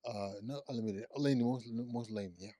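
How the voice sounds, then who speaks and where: In a clean, dry studio recording, a man in his forties from Zimbabwe shares his life story as an interview guest, speaking casually with frequent restarts and repeated words. He works as a psychiatric nurse practitioner, and his warm, mid-range voice moves a little fast.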